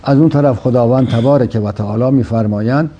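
Husky dark-voiced man, measured explainer. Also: medium pitch. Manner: measured, explanatory, quotes Quranic verses. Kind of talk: reflective religious discussion. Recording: dull lo-fi sound.

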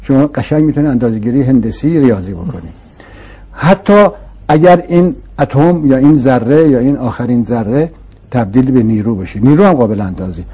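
A man's voice: mid-range voice, lively intonation, warm tone, breathy edge. A man explaining philosophical ideas to an interviewer in a patient, emphatic way, with rhetorical questions and repetition. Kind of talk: explanatory conversational lecture.

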